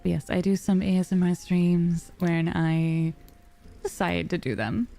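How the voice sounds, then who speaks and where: A woman streamer chats casually with her viewers. Her voice is soft and cozy, on the low side, with a dark, relaxed tone like storybook reading. She addresses listeners affectionately with pet names. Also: unhurried, creaky. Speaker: livestreamer, VTuber. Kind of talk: casual livestream chat with viewers.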